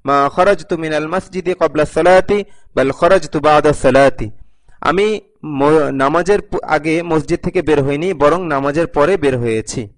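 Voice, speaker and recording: A male Arabic teacher with a slightly high voice, speaking at a normal speed, gives a recorded video lesson. He reads each sentence aloud and then translates it line by line, patiently repeating phrases for his learners.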